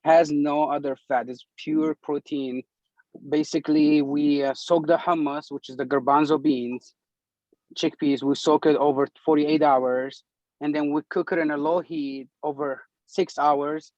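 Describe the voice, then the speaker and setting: A man from Turkey with a fairly high voice explains his dishes in an eager, earnest way. The sound is dry and a little dull. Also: steady tone, unhurried, a little mellow, no room sound. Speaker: restaurant owner. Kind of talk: casual interview talk.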